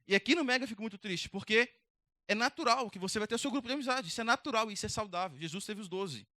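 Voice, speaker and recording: A young man preaching to teenagers as a youth pastor, direct and conversational, energetic. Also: sits high, fast talker, no room sound. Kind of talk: youth sermon.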